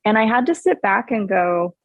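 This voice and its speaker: A woman in her forties from Hawaii speaks as a guest on a podcast. She tells her story in an earnest, upbeat manner and laughs often. Her voice sits at a middling pitch, and the recording is dry and close. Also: lively intonation, normal speed, no echo, lo-fi sound. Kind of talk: casual interview chat.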